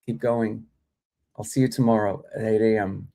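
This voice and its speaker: A middle-aged Australian livestreamer with a lowish, gravelly, dark voice chats casually at a normal speed and a steady tone. Hosting a live acting stream, he reads viewer comments and uses plenty of fillers like um and uh, recorded on a phone or desk mic.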